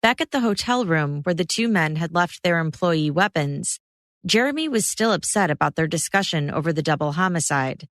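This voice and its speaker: Low-voiced woman narrating true crime. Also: dry recording, studio quality. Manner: measured, steady recap. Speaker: podcast host.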